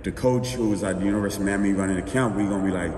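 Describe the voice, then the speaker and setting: A young man from the Bahamas, a guest in a casual interview, tells his story outdoors in a low, relaxed, rambling voice at a very fast pace. He sounds far from the mic, with a long, roomy reverb and a little hiss or hum.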